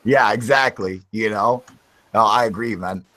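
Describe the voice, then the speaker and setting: A man's voice: fairly low pitch, unhurried, sharp tone. A man hosting a livestream in casual, profane chat, laid-back and calling everyone dude. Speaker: livestream host.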